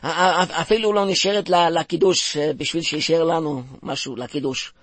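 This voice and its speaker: A man playing a bumbling, stammering man who cracks silly puns while trying to smooth things over in a comic radio play. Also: fairly high pitch, fairly even intonation, fairly bright tone, dry recording. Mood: pleading coaxing.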